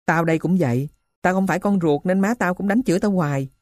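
A woman's voice: fairly low pitch, fast talker, darkish tone, no room sound, clean studio sound, natural voice. A woman voicing a scrappy stepchild boy who talks bluntly and eagerly.

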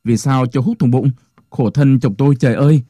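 A man voicing a quick-tongued village wife who wails and laments in a folk-tale telling. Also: mid-range voice, warm tone, no echo, natural voice. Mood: distressed. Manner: wailing lament.

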